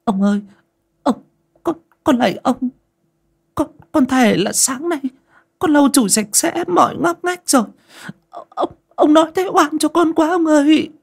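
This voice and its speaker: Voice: medium pitch, animated, unhurried, darkish tone, voice pushed up. A narrator voicing a timid young maidservant who stammers and sobs as she pleads. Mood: pleading. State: crying.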